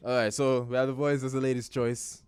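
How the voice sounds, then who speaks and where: Broadcasting from a studio, this Jamaican-accented radio talk show host jokes and chats in a lively, animated, slang-filled style. His medium-pitched voice is brisk, clear and resonant, with no room sound.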